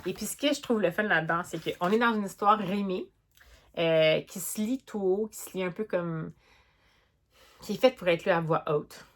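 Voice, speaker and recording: Young Québécois woman, book vlogger, chatty and animated, a little low-pitched. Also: normal speed. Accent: Québécois French. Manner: chatty, animated, many fillers and restarts. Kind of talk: casual book review vlog.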